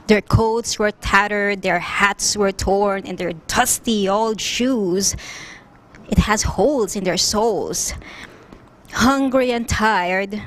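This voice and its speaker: A woman telling a children's story in a slow, animated, expressive way. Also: mid-range voice.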